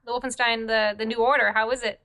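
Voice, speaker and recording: Woman, podcast co-host, bright tone, a bit high, joking casual banter. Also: level tone, quick pace. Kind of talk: casual chat.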